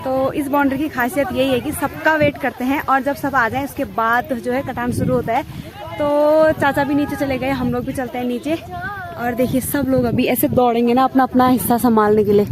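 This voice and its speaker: A woman's voice: high-pitched, fairly even intonation, normal speed. A woman from the Kumaon hills, chatting with viewers as she walks village paths. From Kumaon, Uttarakhand hills. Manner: chatty, addresses viewers as friends. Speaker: village vlogger. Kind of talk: casual walking vlog narration. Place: outdoors on hill paths and village roads.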